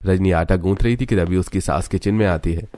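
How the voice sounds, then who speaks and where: Low-voiced male storyteller. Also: a little fast. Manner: steady storytelling. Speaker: narrator. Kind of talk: scripted story narration.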